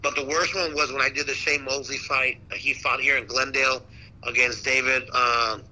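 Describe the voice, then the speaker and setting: A man's voice: medium pitch, level tone, normal speed, bright, forceful tone, poor audio. A man who works as a boxing ring announcer, talking casually and emphatically as an interview guest, with slangy asides.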